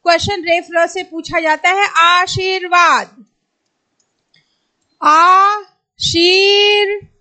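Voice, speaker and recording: A woman leads a grammar lesson aimed at exam preparation, her very high voice level in tone yet pushed and bright. Patiently, she says each word slowly and again, then answers the questions she has just asked.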